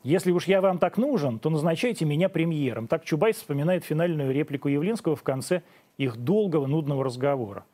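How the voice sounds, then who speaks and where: A man's voice: fairly high pitch, fast, warm tone. A man in his forties hosting, delivering a sarcastic opinion monologue and then questioning a guest pointedly. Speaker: host.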